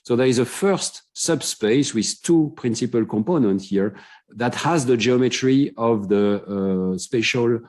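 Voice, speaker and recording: Mellow-voiced man giving a science lecture. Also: mid-range voice, unhurried. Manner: explanatory, many "uh" fillers, enthusiastic about findings. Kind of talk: academic conference lecture.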